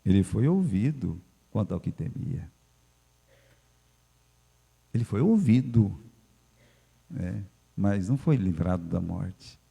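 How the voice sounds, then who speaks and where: A Brazilian man preaching a sermon as pastor of a church, with sudden surges in pitch and volume as he addresses the congregation. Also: very animated, takes it slowly, gravelly, long pauses, dark tone, slightly rough. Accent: Brazilian Portuguese. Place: church sanctuary. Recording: long church reverb.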